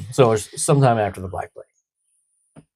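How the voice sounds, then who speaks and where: Brief: man co-host, mid-pitched, dry close sound, explains history with playful jokes. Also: very animated, takes it slowly, a little mellow, breathy edge, no echo. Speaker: podcast co-host. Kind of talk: casual podcast chat.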